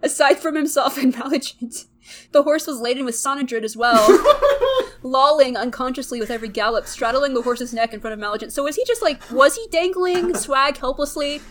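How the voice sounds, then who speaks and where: Young woman, high voice, mock-dramatic reading of an old story, laughing. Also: expressive, a little fast, noisy background.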